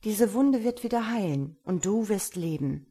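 A woman's voice: medium pitch, lively intonation, a little slow, warm tone, breathy edge. A woman reading the lines of a poor, kind-hearted male woodcutter in a fairy tale, earnest and worried.

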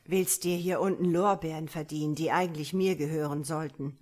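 A scheming male soldier sneers through the lines, a woman reading him in an audiobook. The drawl is slow and mocking, and the voice sits low. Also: fairly even intonation, a little mellow.

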